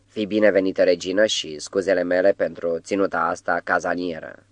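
A man voicing an imposing, mocking devilish master with a very deep, gravelly voice. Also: flat delivery, no echo, close to an everyday voice. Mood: commanding.

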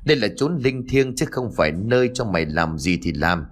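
Male narrator doing a threatening country shaman, low and gruff, barking his words. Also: lively intonation, fairly quick. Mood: angry threat. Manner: gruff, scolding. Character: stern, menacing middle-aged male village shaman.

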